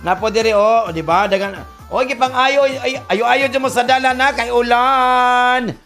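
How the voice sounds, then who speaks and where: A Filipino man hosting a radio show, joking and laughing as he reads listener shout-outs. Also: very high-pitched, fairly even intonation, a little slow, faint music behind. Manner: jokey, laughing, mixes languages. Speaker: radio host. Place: radio studio.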